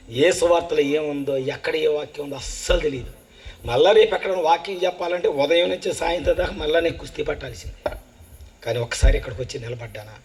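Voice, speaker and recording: A male pastor delivers a revival sermon, telling a Bible story in a dramatic way. His voice sits a bit high for a man. He acts out the crowd's voices and climbs to shouted climaxes. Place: revival meeting stage.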